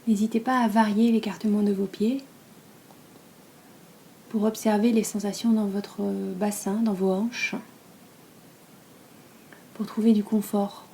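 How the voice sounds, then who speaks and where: Speaking at a medium pitch with a French accent, a woman from France guides a yoga nidra relaxation. Her delivery is breathy, soft, calm and soothing, with long pauses between phrases and slight background noise.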